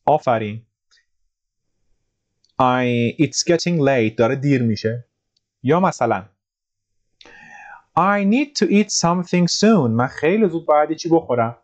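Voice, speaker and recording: A man teaching an English grammar lesson, walking through exercises with joking asides and slow, careful readings of the example sentences. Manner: lively, reads English examples slowly and higher, joking asides. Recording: dull lo-fi recording.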